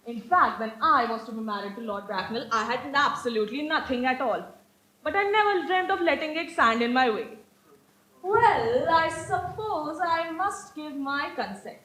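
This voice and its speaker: An older Victorian aristocratic aunt declaims with pompous authority, condescending and grandly theatrical, her high, fairly bright voice swooping widely. This stage comedy is performed on an indoor stage in a roomy hall, in an echoey amateur play recording.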